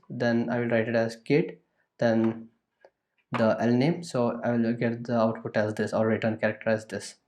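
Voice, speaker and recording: A man teaches programming in a screen-recorded tutorial, running code on his screen as he explains. His mid-range voice is a little mellow, and his delivery is loose and repetitive, with many fillers and restarts.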